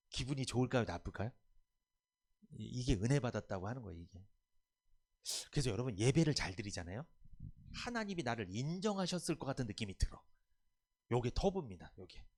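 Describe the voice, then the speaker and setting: Animated male pastor preaching. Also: medium pitch, brisk, long pauses. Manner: animated, asks the congregation questions and answers them. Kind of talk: sermon.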